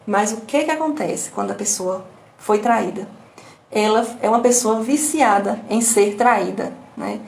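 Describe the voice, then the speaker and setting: A woman's voice: medium pitch, measured pace, gravelly, darkish tone. A woman coach with a Brazilian Portuguese accent, giving a live talk that she fills with rhetorical questions and tag questions. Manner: explanatory, repetitive teaching tone. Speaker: emotional intelligence coach. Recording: roomy echo.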